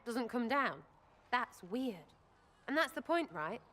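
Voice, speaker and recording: A woman's voice: fairly high pitch, big pitch swings, takes it slowly, fairly bright tone, exaggerated voice. Cheeky crude archer girl from a game, mouthy, voice bouncing all over. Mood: flippant. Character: irreverent young woman archer, mercenary and blunt. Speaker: companion character in a video game.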